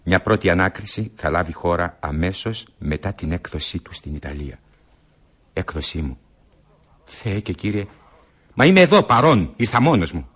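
An actor playing a brusque, scornful high-society husband accused of poisoning his wife, in a radio drama. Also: sing-song, fairly bright tone, full character voice.

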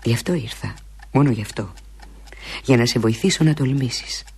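A woman playing a husky, heartsick lover. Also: very deep voice, a little mellow, full character voice. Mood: longing. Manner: intimate, pleading, drifting into breathy half-whispers. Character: lovesick woman pleading with an absent lover. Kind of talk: theatrical monologue.

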